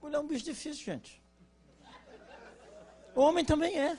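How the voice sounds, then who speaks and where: A man with a Brazilian Portuguese accent preaching at a conference, joking with the congregation and asking them to respond, then dropping into quiet, earnest teaching. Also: extremely high pitch, moderate pace, faint music behind, some chatter behind. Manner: swings from loud jokes to quiet earnest teaching. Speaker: pastor. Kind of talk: conference sermon.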